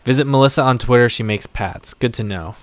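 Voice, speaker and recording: A young adult man streaming live and chatting off the cuff, rambling from one thought to the next. His voice is smooth and resonant at a middle pitch. He sounds close to a desk mic. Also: fairly quick, no room sound. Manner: chatty, rambling, warm toward viewers. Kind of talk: casual live-stream chat.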